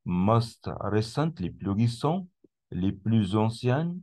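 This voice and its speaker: A man with a very deep voice walks through a website in a screen-recorded tutorial. He talks slowly and hesitantly, restarting phrases often as he clicks through the steps. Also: big pitch swings, dark tone. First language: not English; speaks French. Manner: hesitant, many restarts and fillers, explains step by step. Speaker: tutorial presenter.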